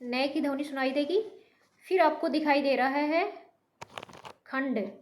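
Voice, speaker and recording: A woman teaching a Hindi lesson, slowly drawing out each sample word and mixing English words into her explanations. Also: high voice, reverberant, a little hiss or hum. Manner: slow, repetitive, drawn-out pronunciation of sample words. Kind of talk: online language lesson.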